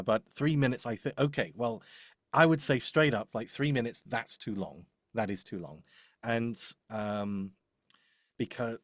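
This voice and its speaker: This is unscripted live coaching from a demo producer speaking in a mid-range voice, recorded in a studio with no echo. He's emphatic, circles back over the same points, and often checks in with "right?"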